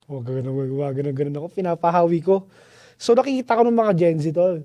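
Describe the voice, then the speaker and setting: A man guest on a podcast, telling a story in a casual, slangy, animated way with lots of restarts. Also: a little high, quick pace, no room sound, clean studio sound. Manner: animated, slangy, keeps saying "tol"; restarts and trails off often.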